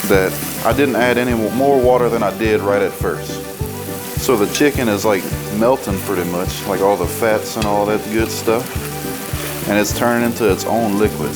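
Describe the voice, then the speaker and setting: A man with a Cajun accent hosting a casual cooking demonstration as the chef, talking in a folksy, colloquial way. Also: fairly low pitch. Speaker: cooking show host and chef.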